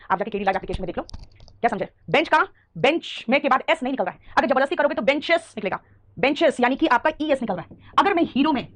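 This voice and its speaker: A woman teaching a live online English grammar class, who calls her students "beta" and keeps asking whether they have understood. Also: fairly high pitch. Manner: addresses students as "beta", repeats questions to check understanding.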